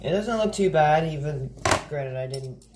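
Filming on a phone propped on the counter, a teen home-cook vlogger jokes his way through a recipe, poking fun at himself. He speaks at a measured pace in an expressive, fairly high voice, with kitchen clatter and noise around him.

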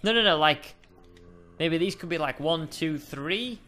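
A man giving casual game commentary with a friend, eager and thinking out loud. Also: fairly high pitch, lively intonation, unhurried. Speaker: gamer co-host. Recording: faint music behind.

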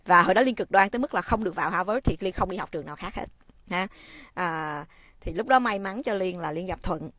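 Expressive woman host. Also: fairly low pitch, fast, no room sound. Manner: expressive, addresses viewers often, gentle when advising. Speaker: livestream host. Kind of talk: casual livestream talk to viewers.

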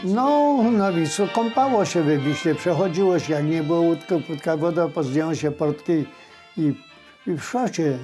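An older man, reminiscing informally in plain, folksy, halting phrases. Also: on the high side, music in the background. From Poland, riverside village in Lesser Poland. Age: older, born 1938. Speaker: local resident recalling village life.

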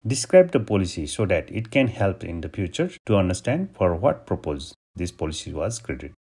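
A man from Nepal hosting a step-by-step software tutorial, giving steady instructions over a screen recording. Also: low-pitched, moderate pace, slightly rough. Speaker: tutorial host.

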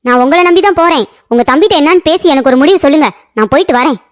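A woman's voice: high-pitched, very fast, close to an everyday voice. A woman voicing a hot-tempered young woman in a cartoon story, scolding and insulting sharply. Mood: reproachful.

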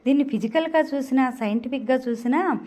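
A woman's voice: high-pitched, fairly quick, mellow. A woman voicing a smug young man who teases and argues stubbornly, in a storybook reading. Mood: teasing. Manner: teasing, stubborn, smirking argument. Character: smug teasing young man, about to marry.

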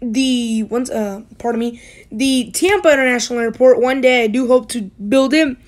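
With a mid-range voice at a moderate pace, a school-age youngster from the United States hosts a hobby channel. The voice-over is casual and rambling, full of self-corrections.

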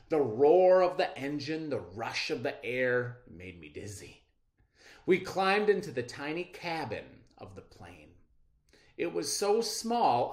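A middle-aged man leads children through a read-aloud reading lesson, explaining things in a deliberate, expressive way. His voice is on the high side.

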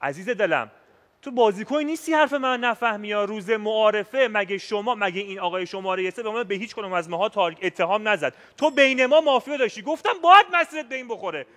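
A man's voice: high voice, expressive, sharp tone, big-room sound. A man, a game show contestant, defensively insisting on his innocence to the other players. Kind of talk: heated argument at a game table.

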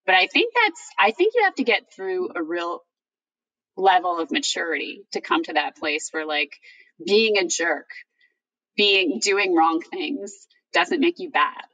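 A middle-aged woman talking candidly on a video call, telling personal anecdotes in a halting, informal way as she thinks aloud. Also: lowish voice, sing-song, a bit bright, dull audio. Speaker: guest author. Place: room by a bright window, indoors. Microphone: video call, distant computer microphone. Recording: distant video-call microphone.

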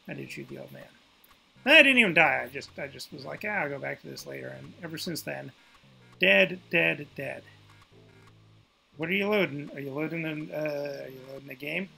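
Streamer, male, wry and self-mocking, gravelly, faint music underneath. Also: fairly high pitch, moderate pace, long pauses, sharp tone. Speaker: game streamer. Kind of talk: casual gameplay commentary.

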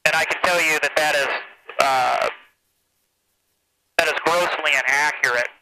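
An American man in his thirties talking like a pilot over the radio, giving measured, hesitant, matter-of-fact flight commentary into a headset mic. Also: on the high side, sharp tone. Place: open cockpit of a small light aircraft. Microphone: aviation headset boom mic. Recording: noisy cockpit headset intercom audio.

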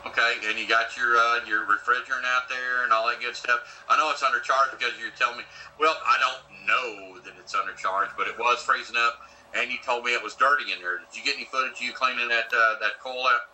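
A man's voice: medium pitch, steady tone, brisk, pushed and bright, a little hiss or hum, poor audio. A man hosting a casual video call, enthusiastic and slangy, calling people brother and man. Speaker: channel host.

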